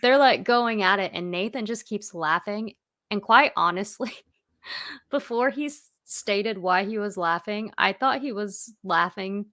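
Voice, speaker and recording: A woman's voice: mid-range voice, a little slow, bright, forceful tone. A woman co-hosting a podcast in casual chat, laughing often and acting out quoted lines. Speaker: podcast co-host.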